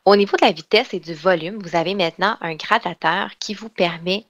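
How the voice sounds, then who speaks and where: A woman's voice: on the low side, fairly quick, dry recording, dull audio. Chatty woman trainer, dry sound. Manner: chatty explanatory, frequent fillers and restarts. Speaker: software trainer. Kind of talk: online webinar demonstration.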